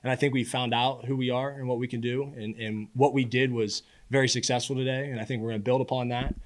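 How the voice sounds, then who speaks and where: A college football quarterback in his early twenties answers questions at a postgame press conference, standing at a podium in an indoor press room and speaking into the podium mic. His mid-range voice moves quickly with a steady tone, casual yet earnest, and he often repeats a word while collecting his thoughts. A faint hiss or hum sits under the recording.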